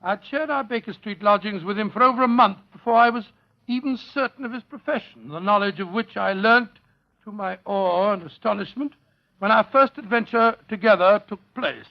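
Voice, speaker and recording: Creaky, high-voiced genial Doctor Watson. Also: male voice, moderate pace. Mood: reflective, genial. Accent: English. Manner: avuncular, courteous, old-fashioned phrasing. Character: Doctor Watson, genial older English gentleman storyteller. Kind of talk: 1940s radio drama acting and storytelling. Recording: muffled vintage radio recording.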